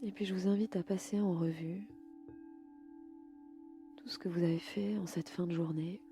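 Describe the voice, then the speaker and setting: A woman leading a guided yoga nidra sleep meditation in a slow, soft and soothing way. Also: on the low side, fairly even intonation, faint music behind.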